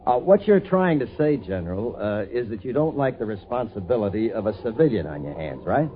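Through a narrow, tinny vintage radio recording comes a cocky male frontier painter. He banters wryly and sardonically, his pitch moving freely in old radio drama fashion. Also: very animated, fairly quick. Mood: wry, probing. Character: cocky, wry frontier painter and war sketcher.

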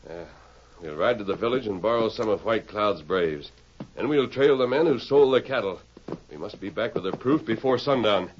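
An actor playing a masked frontier lawman hero in an old radio drama, speaking firmly and clearly. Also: fairly low pitch, moderate pace, muffled recording, close to an everyday voice. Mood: resolute. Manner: firm, clear-spoken, calls out loudly to his horse. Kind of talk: 1930s radio drama acting. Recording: scratchy vintage radio recording with hiss.

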